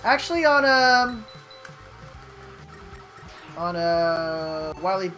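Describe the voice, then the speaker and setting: A man's voice: sits high, lively intonation, very slow, pushed and bright. A man playing through a game while chatting and reminiscing, cursing at his own mistakes. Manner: rambling, reminiscing, curses at mistakes. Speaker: let's play co-host, player. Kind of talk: casual gaming commentary. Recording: music playing behind.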